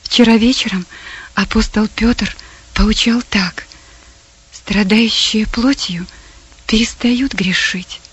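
A woman voicing a devout mother who soothes her daughter in a hushed, near-whispered voice. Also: a little high, slow, pauses often, breathy edge, highs cut off. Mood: soothing.

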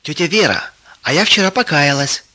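A small girl, earnest and quick to anger, heard in a storybook reading, with a man putting on her voice. The pitch sits well above a man's usual voice. The tone is bright, and the recording is a little dull. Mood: remorseful. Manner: raised, lively girlish voice.

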